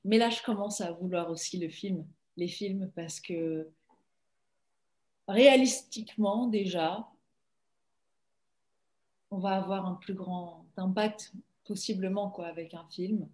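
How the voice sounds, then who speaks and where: A woman's voice: medium pitch, slow, pauses often, a little mellow, reverberant. A young woman from Belgium, an actress, chatting casually and laughing often in an interview over a video call.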